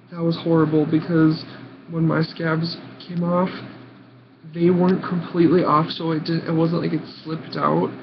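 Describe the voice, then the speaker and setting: A young American man of about nineteen telling a personal story casually, in short halting phrases with dramatic emphasis. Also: a little high. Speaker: vlogger. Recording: muffled audio with clear background noise.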